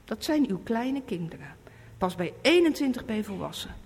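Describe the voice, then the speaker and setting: Female preacher, slightly high pitch, emphatic and repetitive, long hall reverb. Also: big pitch swings, moderate pace, darkish tone, breathy edge. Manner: emphatic, repeats warnings. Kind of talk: sermon. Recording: echoey hall.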